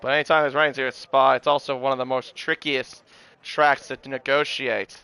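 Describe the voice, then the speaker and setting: A man's voice: mid-range voice, level tone, normal speed, bright, forceful tone, clean tone, poor audio. A man giving live play-by-play motorsport commentary on an online race, often correcting himself as he goes. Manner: hesitant asides, self-correcting, exclaims at incidents.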